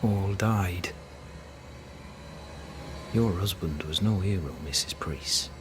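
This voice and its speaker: A man's voice: low-pitched, unhurried, noisy background. A man playing a self-righteous military captain in a video game, stern, formal and defiant. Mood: stern, bitter. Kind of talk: dramatic video game acting.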